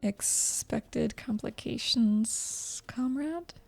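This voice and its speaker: A woman voicing a cunning female snake commissioner in a game story, with a drawn-out, deceptive snake voice. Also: on the high side, vocal fry, soft background music, full character voice. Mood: sly. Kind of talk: gameplay story read aloud.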